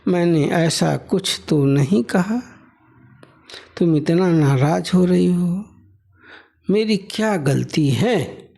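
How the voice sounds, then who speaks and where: A man's voice: sits high, slow, vocal fry, pauses often, mellow, heavily acted. A man reading a novel aloud, voicing a poor, hardworking young husband who pleads and soothes in a resigned way. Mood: pleading.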